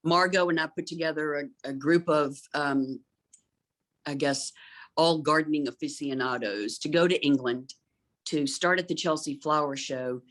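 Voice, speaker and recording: This is an interior designer in middle age, talking conversationally about gardens at a moderate pace. Her voice sits low with a slightly bright quality, and she comes across as thoughtful and fluent despite frequent ums.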